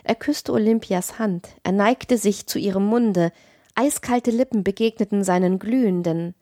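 Woman, audiobook reader, scripted narration, measured, expressive, dry recording. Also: medium pitch, no room sound. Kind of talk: scripted narration of a classic tale.

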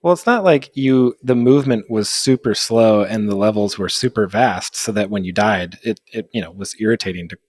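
A man's voice: on the low side, moderate pace, hardly any pauses, no echo. A man co-hosting a casual gaming podcast, dry and teasing, often laughing. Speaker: podcast co-host. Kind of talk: casual chat.

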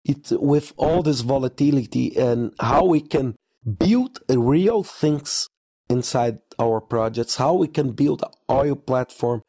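Podcast host, man, from Brazil: hoarse with a cold, low-quality audio stream, dry sound, halting delivery with fillers. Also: warm tone, no echo. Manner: halting, with repeated words and fillers. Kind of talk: conference report podcast.

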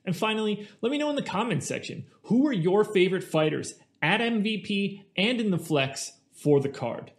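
A man's voice: high voice, lively intonation, normal speed, hardly any pauses. A man hosting a fantasy sports picks show, talking through stats and rankings in a casual, conversational presenter style. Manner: casual, conversational, stat-heavy delivery.

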